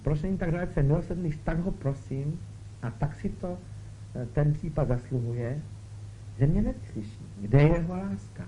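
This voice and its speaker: A man's voice: a little high, mellow. A man preaching a spiritual talk, who keeps checking in with his listeners through short questions. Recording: dull lo-fi recording with faint hiss.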